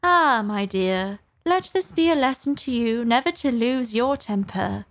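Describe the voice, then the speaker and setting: A woman doing a slow preachy old crab mother. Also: on the high side, expressive, a bit bright, dry recording, voice pushed up. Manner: slow, moralizing.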